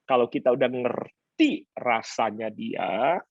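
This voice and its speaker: A male pastor teaching a conference session, lively and animated, mixing in English words and acting out quoted couples. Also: slow, slightly rough, no room sound, lo-fi sound. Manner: lively, acts out quoted couples in higher voices; mixes English words into speech. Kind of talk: seminar teaching talk. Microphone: conference stream.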